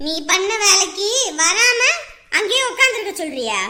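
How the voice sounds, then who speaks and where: A woman's voice: very high voice, moderate pace, over music. An actress playing a middle-aged woman who angrily scolds her relative in a family drama. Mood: scolding. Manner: scolding, confrontational, tearful. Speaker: angry elder sister-in-law in a family drama. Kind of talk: web series drama acting.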